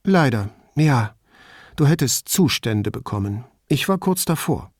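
A man's voice: medium pitch, big pitch swings, a little slow, no echo, voice pushed up. A man reading the part of a witty wife who teases her husband in a playful, dry way, in a slightly raised voice. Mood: wry. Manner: wry, playful teasing. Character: witty teasing Italian wife, adult woman.

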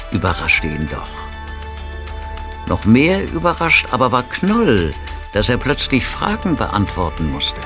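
A man narrating a scripted audio drama as its storyteller. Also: lowish voice.

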